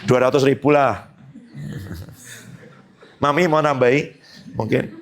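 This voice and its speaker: A man's voice: medium pitch, slow. A man preaching a conversational sermon as pastor, rising into emphatic peaks and acting out quoted dialogue.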